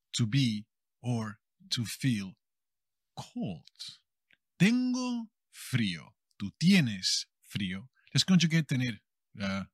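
A man from Spain with a Castilian accent, teaching a lively bilingual Spanish lesson and acting out small everyday scenes. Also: medium pitch, no echo, studio quality. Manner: animated, acts out little everyday scenes.

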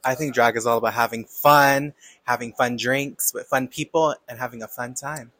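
A man's voice: mid-range voice, fairly even intonation, moderate pace, bright, forceful tone, no echo. A man who performs in drag, answering interview questions casually.

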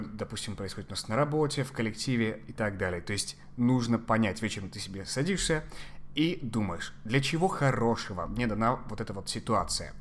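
A man giving conversational psychological advice as a podcast guest, sometimes halting to search for Russian words. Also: on the low side, slight background noise.

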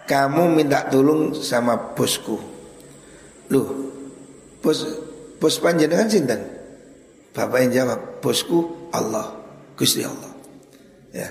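Gravelly Javanese-accented kiai in an echoey hall. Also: male voice, darkish tone. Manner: mixes Indonesian, Javanese and Arabic, voices quoted dialogue with raised pitch. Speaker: kiai teaching a classical text. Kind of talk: Islamic text study lecture.

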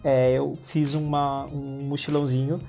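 Here a Brazilian Portuguese-accented filmmaker chats informally about his work in an interview, over soft background music. His medium-pitched voice is dark and creaky, his delivery flat and unhurried, broken by hesitant restarts and frequent laughter.

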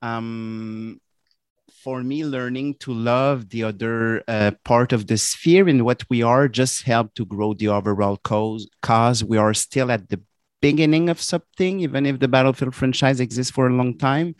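A man with a French Canadian accent, a native French speaker, chatting effusively on a podcast in halting non-native phrasing. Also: medium pitch, clean tone, no room sound. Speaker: guest, competitive gamer and community organiser. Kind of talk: casual podcast chat.

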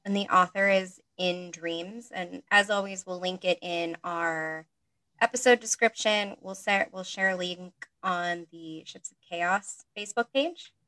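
A woman's voice: on the low side, unhurried, bright, forceful tone. Chatty woman podcast host reading aloud. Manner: chatty, filler-heavy, laughs at herself. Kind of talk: casual chat and story reading.

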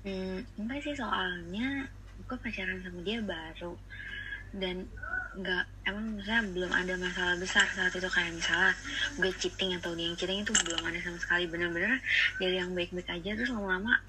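A woman's voice: lowish voice, fairly even intonation, brisk, sharp tone. A young woman telling a personal story casually and hesitantly over a phone call, mixing in English phrases. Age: young adult. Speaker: podcast guest on a phone call. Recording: phone call with clear background noise.

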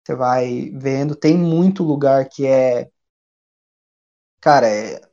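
A man from Brazil, chatting casually as a guest, with a relaxed, rambling way of telling stories. The recording sounds dull and lo-fi. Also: medium pitch, slow. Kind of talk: casual chat.

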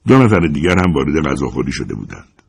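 Deep husky male storyteller. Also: wildly swooping pitch. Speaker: audiobook narrator. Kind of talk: scripted narration.

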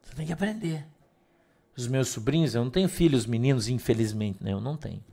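A middle-aged man preaching a sermon, emphatic, swinging between loud stresses and soft asides. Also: medium pitch, fast talker, vocal fry. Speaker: pastor.

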